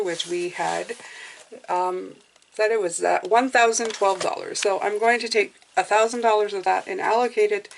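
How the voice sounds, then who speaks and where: A woman with a whistling s, talking casually through her budget as a hands-on vlogger. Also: medium pitch. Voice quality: whistling s from clear aligners.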